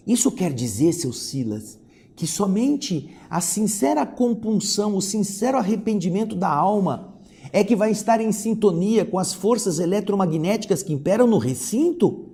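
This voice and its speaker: A man's voice: high voice, animated, normal speed, warm tone. A man voicing a curious male disciple who asks questions in wonder. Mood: astonished.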